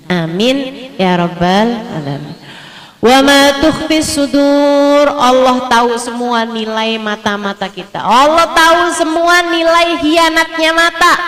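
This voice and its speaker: A woman teaching religion in a lively sermon, acting out quotes with a raised voice and slowing to a soft prayerful tone. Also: fairly high pitch. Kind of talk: online religious study sermon.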